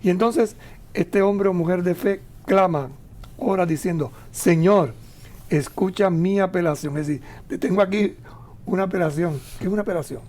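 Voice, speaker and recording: A man's voice: high voice, fairly quick, a little mellow. A man co-hosting a radio talk, reading Bible verses aloud and commenting on them with emphatic repetition. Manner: emphatic, repeats phrases, reads verses aloud. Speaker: radio co-host leading prayerful Bible reading. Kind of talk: reflective radio talk on scripture.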